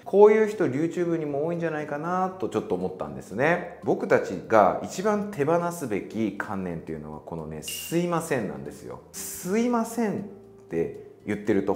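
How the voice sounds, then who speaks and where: Lively storytelling man, echoey room. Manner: lively storytelling, acting out dialogue in a high voice. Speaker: spiritual channel host. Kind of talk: casual spiritual talk to viewers.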